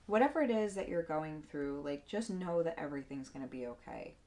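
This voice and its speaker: A woman's voice: low voice, expressive, fairly quick, dark tone. A young woman giving an earnest, encouraging tarot reading, casual and full of slang, sometimes reading card texts aloud and getting emotional. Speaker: tarot reader.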